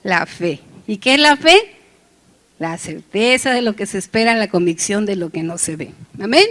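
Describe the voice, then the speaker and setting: A woman's voice: medium pitch, lively intonation, moderate pace, a bit bright. A woman preaching to a congregation. She talks conversationally, jokes between scripture points and keeps checking in with "right?" and "yes?". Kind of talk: sermon.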